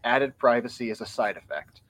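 A man's voice: mid-range voice, moderate pace, a bit bright, no room sound. Man, podcast guest, casual discussion, earnest, explanatory, a bit breathless. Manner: earnest, explanatory, reads from show notes.

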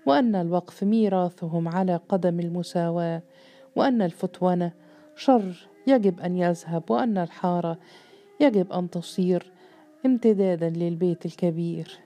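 Woman doing a calm, mysterious male servant. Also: lowish voice, normal speed, lightly acted. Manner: calm and reassuring.

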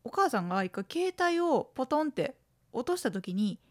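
A woman's voice: moderate pace, no room sound, clean studio sound. A woman around forty from Tokushima, Japan, chatting alone on her podcast in a playful way, acting out quoted lines. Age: late 30s to 40s. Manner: lively, playful, acts out quoted lines in a higher voice. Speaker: podcast host. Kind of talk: solo podcast chat.

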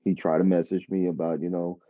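A man's voice: sits low, a little fast, no room sound, muffled recording. A man telling a story in casual podcast chat, acting out the dialogue and swearing freely. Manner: animated retelling with quoted dialogue, swearing. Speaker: podcast guest.

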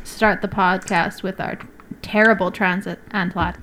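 A woman's voice: mid-range voice, level tone, measured pace, a bit bright, slight background noise. A woman chatting casually on a podcast in a wry, offhand way. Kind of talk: casual chat.

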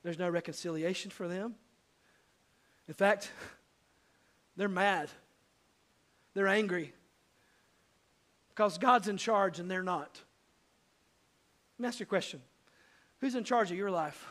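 A male pastor giving an earnest sermon, rising to loud appeals and dropping to hushed asides. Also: sits high, unhurried, long pauses.

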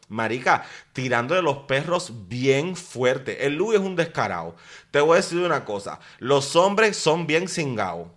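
Full of slang and drama, this man's chatty podcast talk dishes gossip about a reality show. His voice is on the high side and a little bright.

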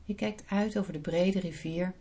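Low-pitched woman guiding a relaxation visualisation. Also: fairly even intonation. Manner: soft, slow, soothing guiding delivery. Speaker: podcast host, breathing therapist and yoga teacher.

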